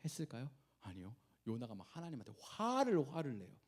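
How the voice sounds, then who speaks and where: A male pastor preaching a sermon, animated and asking the congregation questions. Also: medium pitch, a little fast.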